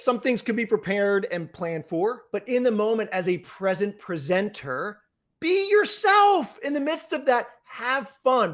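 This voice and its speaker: A man with a high voice gives a guest speaker's closing thoughts. His delivery is upbeat and punchy, and it lands with a bit of flair. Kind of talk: casual closing remarks.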